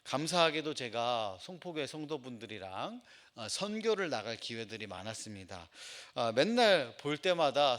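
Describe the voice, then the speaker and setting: A middle-aged male pastor delivers a sermon in a church. His voice sits a little high and sounds bright and forceful. He swings his pitch widely and keeps putting questions to the congregation. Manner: expressive preaching, asks the congregation questions and acts out quoted voices. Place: church sanctuary.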